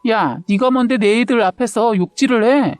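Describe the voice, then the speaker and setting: A woman's voice: a little high, moderate pace, a little mellow, no echo, soft background music, lightly acted. Story character: outspoken, hot-tempered woman friend, blunt and confrontational; a woman narrator plays her. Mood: angry. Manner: blunt, combative.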